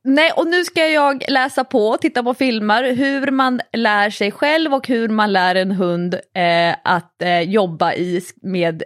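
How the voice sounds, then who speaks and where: A woman's voice: on the high side, few pauses, dry recording, clean studio sound. A woman co-hosting a casual chat podcast, playful and jokey, acting out funny voices as she talks. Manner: playful, acts out voices for laughs. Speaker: podcast co-host and coach.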